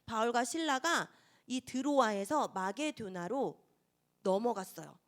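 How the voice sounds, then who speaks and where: Lively woman teaching a children's Bible lesson. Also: a little high, a little slow. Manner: lively, asks children questions and acts out scenes.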